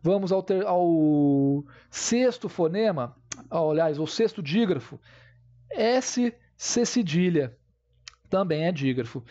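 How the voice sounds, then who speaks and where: A man's voice: a little high, expressive, slow, mellow, lo-fi sound. A man teaching a grammar lesson, explaining step by step and checking in with his viewers.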